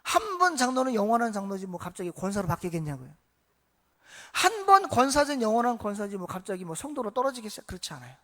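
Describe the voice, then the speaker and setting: A man preaching a Sunday sermon in church. He keeps asking the congregation questions and swings between loud emphasis and hushed asides. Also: high-pitched, fast. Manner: lively, asks the congregation questions. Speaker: pastor. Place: church sanctuary.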